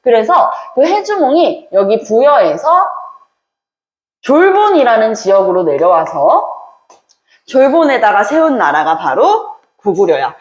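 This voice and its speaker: A woman teaching a history lesson, telling the story with lively acted-out dialogue between characters. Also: on the high side, unhurried, dull audio. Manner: lively storytelling, acting out characters in quoted voices. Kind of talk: animated classroom lecture with acted-out dialogue. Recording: echoey room.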